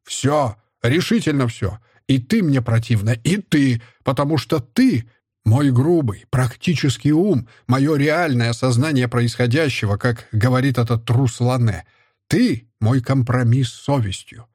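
A man's voice: mid-range voice, measured pace, darkish tone, slightly rough, no echo, clean studio sound. A man voicing a bitter, disgusted scholar. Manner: bitter, contemptuous outbursts. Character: bitter, disgusted middle-aged scholar and husband. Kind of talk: audiobook character voice.

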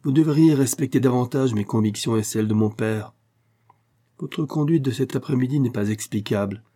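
A man's voice: medium pitch, moderate pace, dark tone, pitched above the performer's own voice, lightly acted. Man voicing a haughty young heiress. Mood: scornful. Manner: imperious, scornful. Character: haughty young woman, proud spoiled heiress. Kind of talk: audiobook character reading.

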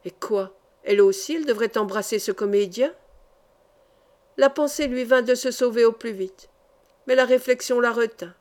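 A woman reading a classic novel aloud as an audiobook, in a measured, even storytelling manner. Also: a little high. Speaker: audiobook reader. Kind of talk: scripted narration of a novel.

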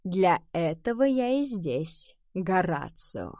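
A woman voicing a wise, firm male cat teacher in a children's audiobook, measured and persuasive. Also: lowish voice, big pitch swings, warm tone, no echo, studio quality, heavily acted.

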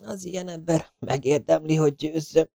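A man's voice: a little high, steady tone, creaky, mellow, no echo, clean studio sound, pitched above the performer's own voice. A man voicing a badly wounded legionnaire who whispers weak, breathless last words. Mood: urgent whisper. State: dying, whispering.

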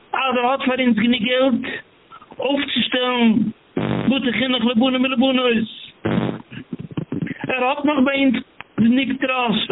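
High, flat-voiced rabbi on a phone line. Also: male voice. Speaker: rabbi lecturer. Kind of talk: Yiddish-laced sermon lecture. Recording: tinny phone-line audio with hiss.

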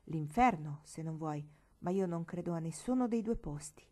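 Lady playing a sulky pessimistic little girl, lower and quieter, storybook. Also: lively intonation, normal speed. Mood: sullen. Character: gloomy defiant skeptical little girl.

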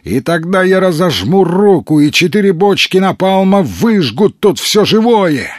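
Stern commanding officer, voiced by a man; raised, husky, barked orders. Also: high-pitched, sing-song, a little slow, no room sound, studio quality, voice pushed up, heavily acted. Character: stern, commanding male officer brandishing a revolver.

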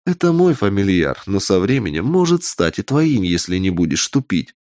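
Мужчина в роли властной коварной ведьмы. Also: male voice, low voice, very animated, normal speed, darkish tone, dry recording, studio quality. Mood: commanding. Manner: cold, commanding, menacing. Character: imperious ambitious adult witch woman.

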